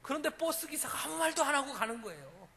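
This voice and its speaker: A man's voice: very high-pitched, big pitch swings, quick pace, creaky, bright, forceful tone. A man preaching a sermon as pastor, telling stories emphatically and acting out the quotes. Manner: emphatic storytelling with acted quotes. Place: church sanctuary. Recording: church hall reverb, faint room noise.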